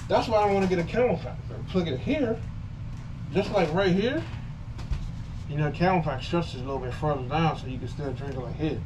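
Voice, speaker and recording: A man's voice: fairly high pitch, brisk. Man talking through a gas mask. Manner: laid-back, rambling, repeats himself. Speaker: vlogger reviewing gear. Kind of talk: casual product demo. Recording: distant mic with clear background noise.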